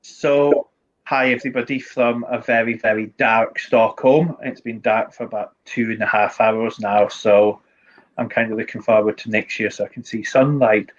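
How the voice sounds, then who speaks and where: A man's voice: fairly low pitch, fairly even intonation, normal speed, dull audio. A man with a strong Scottish accent giving informal, matter-of-fact tech advice as a guest, with a wry touch. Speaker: IT support director, guest. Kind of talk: informal explanatory talk with tips.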